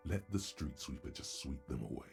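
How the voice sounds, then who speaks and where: A man voicing a game narrator, speaking in a measured, dry storytelling manner. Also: very deep voice, lively intonation, gravelly, soft background music, heavily acted. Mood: wry. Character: gravelly deep-voiced male game narrator.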